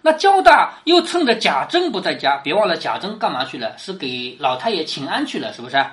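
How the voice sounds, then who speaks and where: Deep-voiced and sing-song, a woman briskly lectures on a classic novel. She explains and retells it in ordinary conversational words, and over and over she asks rhetorical tag questions, dropping her voice as she does.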